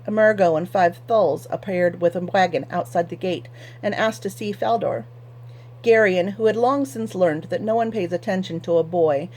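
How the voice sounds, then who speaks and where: A woman reading a fantasy novel aloud for a fan book club in a measured storytelling manner. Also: medium pitch, a little mellow, slight background noise. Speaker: audiobook reader.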